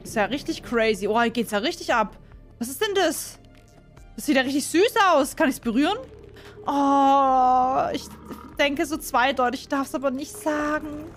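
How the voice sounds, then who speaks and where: A chatty, excitable woman commentates her gameplay and keeps turning to her viewers. Her voice sits a little high, and soft game music plays underneath. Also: normal speed. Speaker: gaming YouTuber. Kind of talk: casual let's play commentary.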